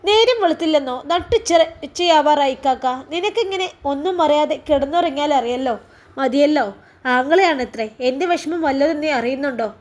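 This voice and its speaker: A woman's voice: high voice, lively intonation, a little fast. A woman reading a spiteful, jealous young woman in a spoken story, sneering and complaining. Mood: aggrieved.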